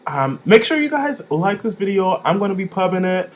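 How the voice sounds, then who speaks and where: A young man from Chicago giving a casual, sassy vlog review, with swooping, expressive emphasis on his catchphrases. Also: high-pitched, normal speed. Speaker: vlogger reviewing drag contestants.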